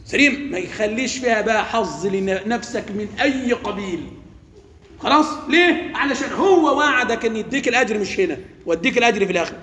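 A man's voice: high-pitched, animated, fast, bright, forceful tone. A man with an Egyptian accent giving an interactive religious lesson, asking questions and letting the class finish his sentences. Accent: Egyptian Arabic. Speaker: religious teacher. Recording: echoey hall with faint ambience.

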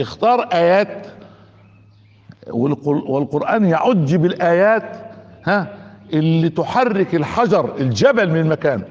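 An Egyptian man preaches in a colloquial sermon, his voice sitting a little high. He keeps asking his listeners questions and trips over repeated restarts. The sound is dull and muffled, with a long reverb ringing through a hall. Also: darkish tone. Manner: asks the listeners rhetorical questions, with many stammered restarts.

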